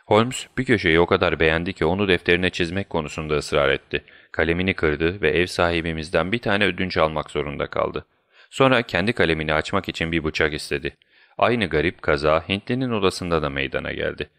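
A man reading a story aloud as narrator, with steady storytelling. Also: sits low, a little fast, creaky, no echo, studio quality. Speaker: audiobook narrator. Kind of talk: scripted narration.

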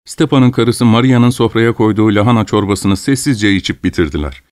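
A man narrating a story in a steady, measured audiobook reading. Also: on the low side, no echo, studio quality.

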